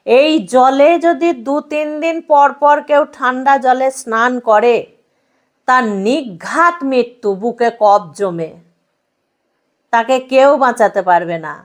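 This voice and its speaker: Woman, devotional sermon, slow deliberate delivery, somewhat high voice, repetitive emphatic phrasing. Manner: repetitive emphatic preaching lists; addresses listeners directly with rhetorical questions. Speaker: religious speaker.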